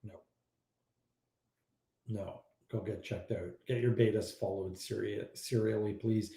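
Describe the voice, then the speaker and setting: A man who is a fertility doctor, originally from Iran, answering viewer questions in a casual live chat, blunt and animated. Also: lowish voice, unhurried, reverberant. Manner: blunt, animated, exasperated at odd claims.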